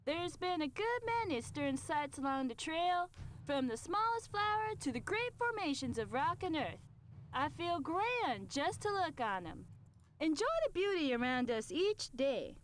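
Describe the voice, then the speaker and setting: A woman's voice: sits high, sing-song, unhurried, slight background noise. An actress playing a devout, cheerful pioneer woman in a computer game, folksy in manner. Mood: rapturous, grateful. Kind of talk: scripted game character dialogue.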